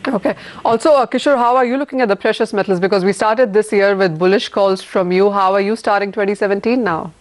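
Female anchor, brisk, mid pitch, studio mic. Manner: brisk, pressing questions. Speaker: TV business news anchor. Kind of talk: live news interviewing. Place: TV news studio.

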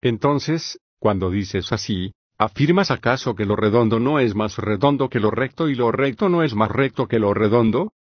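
A male reader voicing Socrates, an older patient philosopher, reading in an even, measured way with long reasoned questions. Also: medium pitch, no echo, muffled recording, lightly acted. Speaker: audiobook reader. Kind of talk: scripted audiobook reading of a philosophical dialogue.

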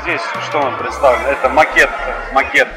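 A man's voice: mid-range voice, steady tone, a little fast, music in the background, a crowd in the background. A man in his thirties explaining an exhibit off the cuff in a large indoor expo hall, hesitating often with filler sounds. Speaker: exhibitor presenting a device.

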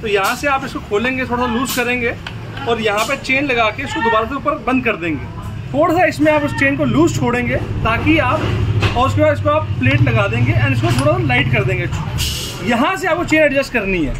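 A man's voice: very high voice, expressive, fairly quick, background noise. A young man explaining step by step how to set up and start a machine, talking to viewers. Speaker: product demonstrator. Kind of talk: hands-on product demonstration.

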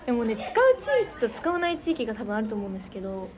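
A young idol livestreamer with a Niigata Japanese accent chats casually with fans, giggling and thanking viewers by name. She talks very fast in a fairly high voice with lively intonation. A crowd can be heard behind her, making the background noisy.

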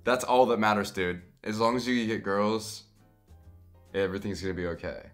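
A man's voice: on the low side, normal speed, a bit bright, soft background music. A tipsy man in his twenties, getting drunker, bantering casually and boisterously with lots of swearing. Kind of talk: casual banter, taste-test vlog. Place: small room, indoors. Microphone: camera a few feet away.

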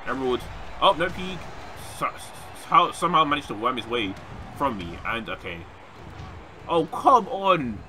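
A young man giving excited play-by-play commentary over a wrestling video game, reacting loudly and laughing often. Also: mid-range voice, normal speed, noisy background. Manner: animated, reacting loudly with frequent laughs and yelps. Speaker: gaming YouTuber.

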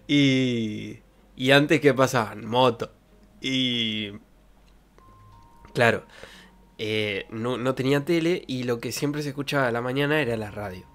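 With long pauses and no rush, a young man with a mid-range, somewhat bright voice reminisces on his livestream, joking around in casual, colloquial speech. His accent is from Santa Fe, Argentina. The sound comes from a bedroom streaming rig with a pop-filtered desk mic placed close.

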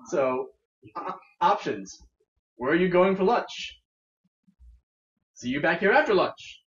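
A man's voice: high-pitched, animated, takes it slowly. A man reading a tabletop adventure and chatting casually with friends, laughing often. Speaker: game reader and player. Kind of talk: casual game-night chat and reading. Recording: echoey room, distant mic, dull sound.

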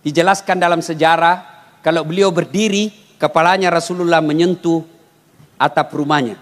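A man from Makassar giving a humorous sermon, telling animated stories with jokes and loud exclamations. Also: fairly high pitch, moderate pace. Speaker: preacher. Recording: long reverb in a hall.

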